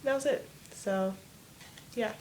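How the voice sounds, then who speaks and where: A woman's voice: on the high side, takes it slowly, a little mellow, a little hiss or hum. A teenage girl telling a personal story to camera at home, rambling casually and leaning on "like" as filler. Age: teens. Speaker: vlogger. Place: home room.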